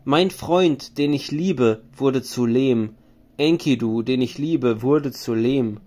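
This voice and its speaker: A man's voice: mid-range voice, slow, a little mellow. A man voicing a grieving hero king, a weary wanderer, in solemn lamenting recitation.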